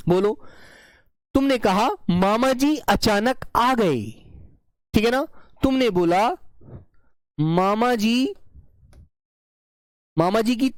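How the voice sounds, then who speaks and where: A man teaching an online grammar lesson, slowly dictating example sentences, repeating phrases and checking that his students follow. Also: high voice, no room sound, studio quality. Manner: repeats phrases and keeps checking the class understands.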